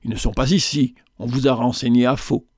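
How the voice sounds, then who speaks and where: A man voicing a calm, protective older estate master and father in a storybook reading. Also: medium pitch, breathy edge, dry recording, studio quality. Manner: calm, measured.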